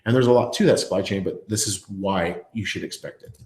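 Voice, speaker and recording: A man's voice: sits low, a little fast, darkish tone, echoey room. A man hosting a live online presentation, talking it through with many fillers and restarts. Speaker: presenter of a live web session. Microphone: earpiece in, talking to an online audience.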